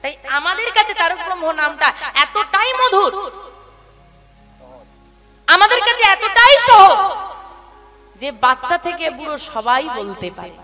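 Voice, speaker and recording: A woman with a very high, piercing voice gives a devotional kirtan sermon to a seated gathering. She keeps asking her listeners questions and slips into sing-song chanting of verses. Devotional music plays clearly underneath her speech. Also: very animated, measured pace, long pauses, bright, forceful tone. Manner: rhetorical questions to listeners, calls them baba. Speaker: kirtan singer and preacher. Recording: music playing behind speech.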